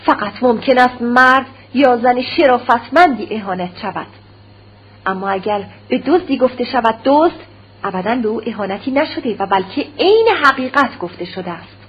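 A woman's voice: fairly high pitch, animated, slightly rough. A woman voicing a stern, cold-hearted older husband who speaks harshly and with contempt. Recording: dull lo-fi recording with faint hum.

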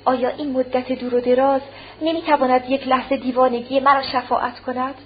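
A woman reading aloud voices a remorseful husband who speaks softly, stammering and apologetic, in a dull recording with a faint hum. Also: high voice, flat delivery, close to an everyday voice. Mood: pleading. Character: remorseful middle-aged husband, pleading.

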